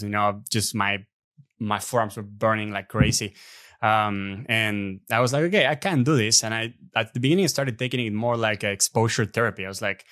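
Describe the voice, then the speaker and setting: A man, a podcast guest telling stories in a relaxed, chatty way over a remote call. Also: fairly low pitch. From Argentina. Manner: relaxed, chatty storyteller with frequent fillers. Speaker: podcast guest, app developer. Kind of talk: casual interview chat. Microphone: remote video call.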